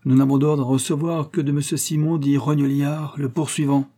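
A courteous bailiff stays cool and formal no matter what, as a man reading a storybook puts him on. His delivery is unruffled and polite. The voice is dark and a little husky. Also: fairly high pitch, flat delivery, normal speed, voice pushed up, lightly acted.

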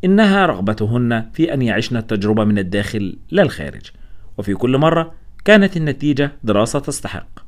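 A man voicing a calm, detached older anthropologist who speaks in an unhurried way. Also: medium pitch, close to an everyday voice. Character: calm, indifferent older male anthropologist on a phone.

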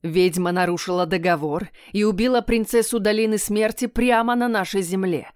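A wrathful old king, slow and booming as he passes judgment, as a woman reads him aloud. The voice lands heavy and deliberate in a dry, close audiobook recording with a steady middle pitch. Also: dry recording, natural voice. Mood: accusing. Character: stern furious old king, male. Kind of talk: audiobook character voice.

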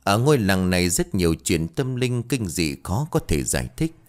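Deep-voiced male horror storyteller. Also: sing-song, normal speed.

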